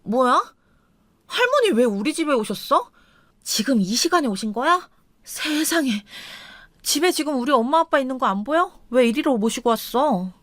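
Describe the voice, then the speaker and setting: A woman voicing a selfish, tipsy young wife who talks in a high, whiny, petulant way. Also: big pitch swings, moderate pace, fairly bright tone, no echo. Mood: shocked annoyance.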